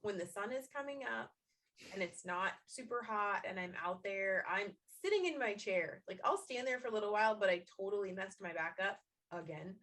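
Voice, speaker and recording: Bright-voiced mom telling lively stories. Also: female voice, medium pitch, moderate pace. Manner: animated storyteller, acts out her child's voice. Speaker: podcast host. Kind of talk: casual chat among friends. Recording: quiet, distant mic.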